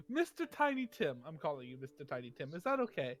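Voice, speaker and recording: A man's voice: fairly high pitch, very animated, moderate pace, soft background music. A man playing a tabletop role-playing game, bantering in character in a playful, mock-formal way.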